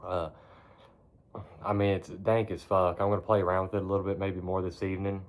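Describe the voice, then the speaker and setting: Deep-voiced, laid-back man rambling casually. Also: little pitch movement, fairly quick. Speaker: vlogger. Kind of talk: casual rambling chat to camera. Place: in a barn.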